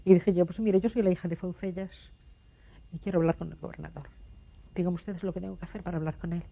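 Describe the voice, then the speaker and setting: A woman's voice: on the low side, steady tone, quick pace, vocal fry, mellow, dull audio. An older woman from Galicia recalling her past as a documentary witness, vividly acting out the voices in her memories. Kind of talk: personal recollection.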